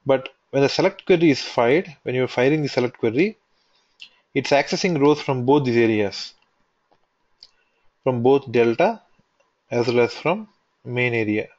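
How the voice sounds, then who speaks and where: A man teaching a software tutorial, walking through a screen recording step by step and restating each point as he goes. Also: mid-range voice, normal speed, long pauses. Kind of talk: screen-recorded technical walkthrough. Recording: dull lo-fi voice recording.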